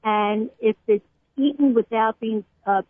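A woman's voice: on the high side, no echo. Woman speaking over a tinny phone line. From Brooklyn, USA. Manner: explains at length with many pauses and fillers. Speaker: guest, cookbook author. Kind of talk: radio phone interview. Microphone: telephone.

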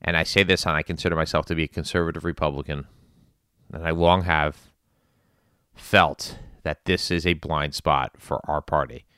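A man delivering an earnest monologue on current events in deliberate, halting phrases with emphatic repetition. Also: a bass voice, fairly even intonation, pushed and bright, smooth, no room sound, studio quality. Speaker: spin class instructor.

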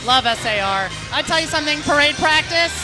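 A woman's voice: sits high, lively intonation, a little fast. A woman co-hosting as a parade commentator on a live outdoor broadcast, with rowdy cheering and teasing banter. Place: outdoors on a city street at a parade. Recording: outdoor broadcast over loud music and crowd.

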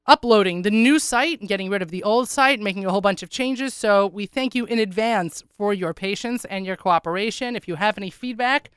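An American woman hosting a chatty radio show in a wry, self-deprecating way, with a hoarse, congested, froggy voice that sounds swallowed. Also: mid-range voice, a little fast, hardly any pauses, no echo, studio quality. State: congested, under the weather. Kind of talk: casual chatty radio monologue.

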